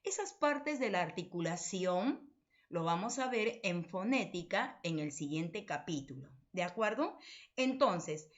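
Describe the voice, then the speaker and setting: A woman teacher giving a recorded phonology lecture, who keeps asking and answering her own questions and checks in often with her listeners. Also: a little high. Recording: dull lo-fi recording.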